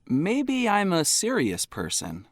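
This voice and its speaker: A man voicing a sociable but serious young student in a scripted textbook dialogue, speaking slowly and carefully. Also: sits high, no room sound, studio quality, full character voice. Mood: calm. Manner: slow, careful, lively intonation.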